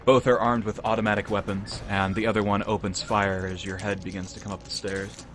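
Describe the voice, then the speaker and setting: A man running a tabletop game as game master, calmly narrating the scene for his players. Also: fairly low pitch, brisk, over music. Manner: calm descriptive narration.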